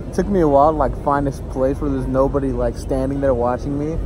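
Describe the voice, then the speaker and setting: A man's voice: mid-range voice, fairly even intonation, fast talker, background noise. A young man trading cocky jokes at the beach, picked up on a nearby phone. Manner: joking, cocky banter. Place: crowded sunny beach outdoors. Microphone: vlogger's phone camera nearby. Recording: phone audio with loud beach crowd.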